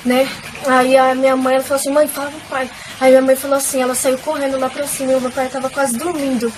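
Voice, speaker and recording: High-voiced woman telling a story. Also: little pitch movement, fast, a little hiss or hum, poor audio. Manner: emotional, addresses viewers, many fillers. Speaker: vlogger. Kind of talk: personal faith testimony, casual storytelling.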